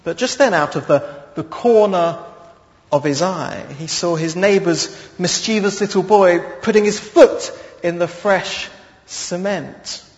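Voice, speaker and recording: Male pastor, sermon, slow measured delivery, slightly high voice, long hall echo, dull sound. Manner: slow, measured preaching with pauses. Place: church hall.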